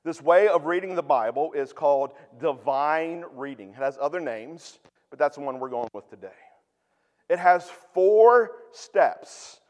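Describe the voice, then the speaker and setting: A man preaching a sermon as pastor, teaching earnestly and moving between hushed, quiet stretches and emphatic, raised passages. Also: mid-range voice, moderate pace, in a large hall.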